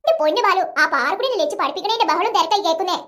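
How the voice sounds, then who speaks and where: A performer voicing a strict, sharp-tongued mother in a cartoon, nagging and sarcastic toward her husband. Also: very high voice, animated, rapid-fire. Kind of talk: cartoon voice acting.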